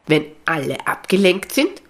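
A narrator voicing a kind, slow-talking crow. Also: mid-range voice, sing-song, a bit bright. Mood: helpful. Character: kind helpful female crow who cannot fly.

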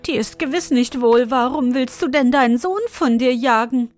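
A bewildered, pleading little dwarf from a read-aloud fairy tale, as a woman narrator puts him on. He talks high and anxious. Soft music sits faint behind him. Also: moderate pace, close to an everyday voice. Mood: frightened. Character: frightened young man turned dwarf, pleading.

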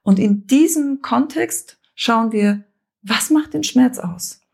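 A woman coach with a gravelly, slightly husky voice walks through her method in calm, measured steps. She speaks in short phrases with frequent pauses, explaining rather than performing. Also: fairly high pitch. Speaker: coach and mediator.

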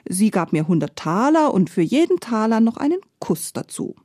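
A woman's voice: fairly high pitch, big pitch swings, moderate pace, dark tone, no echo, clean studio sound, voice pushed up. A woman voicing a clever, cocky young shepherd in a told fairy tale. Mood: cheeky. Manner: cocky, playful questioning.

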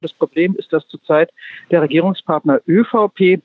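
A woman's voice: lowish voice, moderate pace, no echo, narrow, tinny audio. A woman correspondent speaking by mobile phone from a train, explaining things with hesitant fillers over a poor-quality line. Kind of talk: news phone interview.

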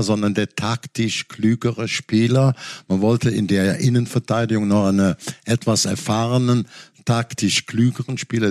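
A man's voice: lowish voice, vocal fry, a little mellow, no room sound. A man talking football as a pundit in a casual studio chat, rambling through tactical analysis with many asides.

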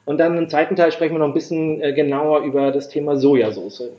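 A man hosts a casual interview podcast from a workshop. His voice sits a little high, and he keeps stopping to reach for words with fillers and restarts. The room is echoey and the recording sounds dull and lo-fi. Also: fairly even intonation, fast. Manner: hesitant, many fillers and restarts. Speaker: podcast host. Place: workshop in a city. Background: production noise.

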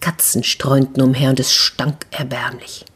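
A woman hosting a children's story podcast, narrating a fairy tale in an expressive way, sometimes dropping to a whisper. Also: extremely low pitch, unhurried, breathy edge.

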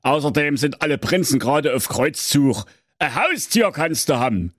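A blunt, hard-hearted fairy-tale father lectures in a raised, lively voice, as a man puts him on. He scolds with plain bluntness. The sound is dry and close. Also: on the high side, moderate pace, no room sound, voice pushed up. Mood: lecturing. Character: gruff hard-hearted middle-aged cheese-carver father. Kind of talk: comic fairy-tale parody.

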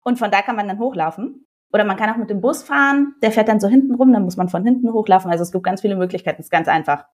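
A young woman from Germany joins a podcast as a guest. She talks in a relaxed, casual way and gives travel tips with plenty of enthusiasm. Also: mid-range voice, racing.

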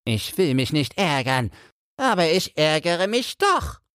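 A man's voice: fairly high pitch, big pitch swings, unhurried, a bit bright, smooth, no echo, clean studio sound, voice pushed up. A man voicing a pompous, easily offended little male dung beetle in a storybook reading. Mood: scornful.

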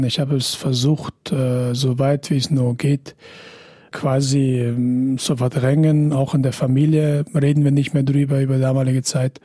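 Husky, dark-voiced man, hesitant. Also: mid-range voice, no echo, clean studio sound. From Afghanistan. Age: 30s. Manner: hesitant, reflective, many fillers. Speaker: podcast guest. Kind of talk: interview.

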